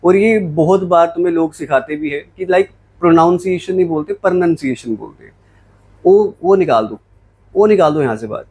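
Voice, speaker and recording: A man from Jammu, India, with a fairly high, mellow voice and a breathy edge teaches English vocabulary in class, moving between Hindi and English. Speaking a little fast, he keeps asking his students questions and answering them himself, on a rough recording.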